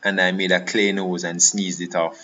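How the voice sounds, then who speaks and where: A man's voice: low-pitched, flat delivery, normal speed. A young man, a student recording his screen tutorial in a computer lab, chatting and teasing classmates in a joking way. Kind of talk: casual classroom chat. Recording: dull lo-fi mic, loud room noise.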